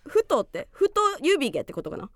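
A woman with a Kansai accent and a fairly high, very expressive voice co-hosts comedy radio. She reads letters playfully, acting out quotes, in a dry, close recording. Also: a little fast, no room sound. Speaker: radio show co-host. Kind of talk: comedic casual radio banter, reading listener letters aloud.

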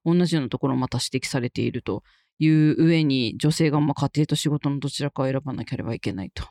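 A woman's voice: a bass voice, fast, warm tone, no room sound. A woman co-hosting a podcast, giving her commentary in casual discussion. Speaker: podcast co-host.

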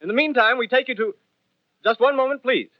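A man's voice: extremely high pitch, a little fast, dry recording, highs cut off. A man playing a grave radio news announcer, reading formal bulletins in an old 1930s newsreel manner. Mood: urgent, formal. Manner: formal, clipped, solemn bulletin delivery.

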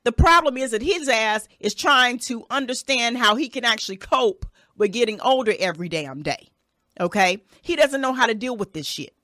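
Her voice sits a little high, expressive and sharp-toned at a moderate pace. She's a podcast host in her thirties doling out blunt, profane advice in a casual solo monologue, often adding "okay?" to her points, captured in studio quality with no echo.

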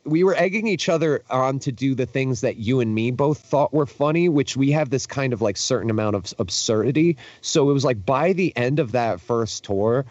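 A man's voice: medium pitch, expressive, normal speed, hardly any pauses, darkish tone, no room sound, lo-fi sound. A young man in casual chat, telling tour stories in a rambling, profane way with lots of fillers and restarts. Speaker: podcast guest, touring musician.

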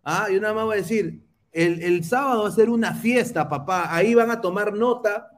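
A man's voice: sits high, normal speed. A man hosting a football podcast in casual chat, teasing rival fans as he reads viewer comments. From Peru. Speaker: podcast host.

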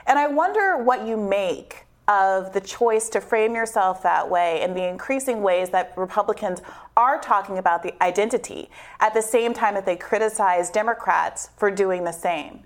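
A woman co-hosting a news program, putting questions to a guest. She draws out her wording slowly and stops to hedge before pressing her point. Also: mid-range voice. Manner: measured, hesitant, drawn-out questions. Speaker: news show co-host. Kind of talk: probing interview questions.

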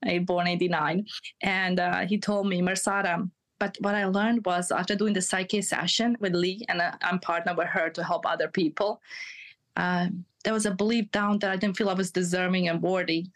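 A European woman in her thirties, a mindset coach, is a podcast guest sharing candid personal stories. Her voice is on the low side with a steady tone and normal speed; she talks in an earnest, confiding way, laughs at herself, and makes slips in her English grammar.

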